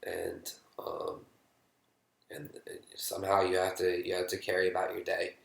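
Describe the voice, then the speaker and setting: A man speaking candidly to camera about his own experience, halting, with many fillers and restarts, sometimes dropping to a whisper. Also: sits low, monotone, creaky, reverberant. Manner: drops to a whisper when quoting his own thoughts. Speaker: vlogger sharing his experience. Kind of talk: candid personal talk to camera.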